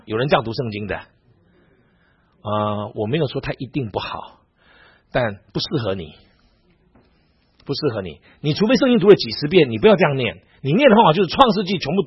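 A man teaching a Bible class in a lively, repetitive way, stumbling over restarts. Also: fairly high pitch, breathy edge. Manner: animated, repeats words, stammers on restarts. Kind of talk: teaching talk on Bible reading. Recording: dull lo-fi sound.

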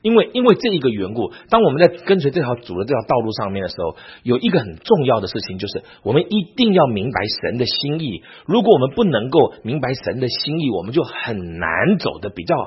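A man's voice: medium pitch, sing-song, fast, hardly any pauses, slightly rough, lo-fi sound. A man teaching a Bible class in a sermon style, asking his listeners frequent rhetorical questions.

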